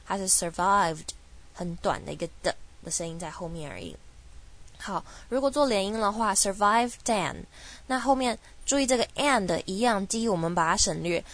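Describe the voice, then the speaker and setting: Woman, pronunciation teacher, patient, slow word demonstrations. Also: medium pitch. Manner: patient, slowly demonstrating words. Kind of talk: explaining a language lesson.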